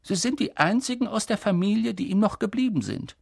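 Calm old wizard guy, reader doing the voice, slow and soft, husky, dry sound. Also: medium pitch, no echo, pitched above the performer's own voice. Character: old male wizard headmaster, calm and gentle.

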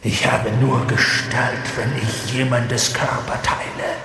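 A man voicing a cold, cruel male dark wizard in an audiobook, talking low and slow with sudden shrieks. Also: little pitch movement, gravelly, very echoey, big-room sound, background noise. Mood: menacing. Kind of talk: audiobook character voice.

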